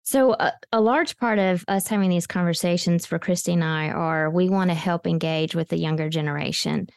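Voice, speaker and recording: Chatty co-host woman, dry gravelly voice. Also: fairly low pitch, normal speed, a little mellow, dry recording. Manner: friendly, chatty. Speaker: podcast co-host. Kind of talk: interview podcast.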